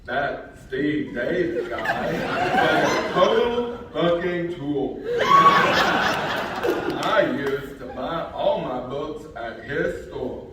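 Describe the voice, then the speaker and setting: A man's voice: on the high side, huge pitch swings, very slow, distant mic, heavy background noise, heavily acted. A man reading a laid-back male comic artist at a live script reading in an echoey convention hall. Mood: ranting.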